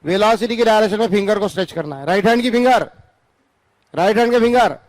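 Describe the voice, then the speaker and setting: High-voiced Indian physics teacher. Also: male voice, quick pace, dry recording. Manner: scolds and jokes with students by name, repeats phrases. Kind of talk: classroom lecture. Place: classroom.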